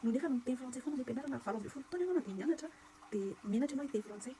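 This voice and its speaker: A woman with a Malagasy accent talks quickly in a casual social video, repeating herself and dropping into whispered asides. Her voice is fairly high but dark and mellow in tone. Faint background noise sits under the recording. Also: rough recording. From Madagascar. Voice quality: rapid, repetitive, animated talk with whispered asides. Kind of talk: casual TikTok commentary.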